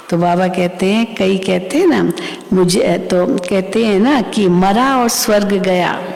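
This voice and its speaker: Woman teacher, sermon with anecdotes, gravelly tone, long hall reverb. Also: mid-range voice, a little mellow. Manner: storytelling, acts out quoted voices, asks listeners questions. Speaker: spiritual teacher. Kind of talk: murli class sermon with anecdotes.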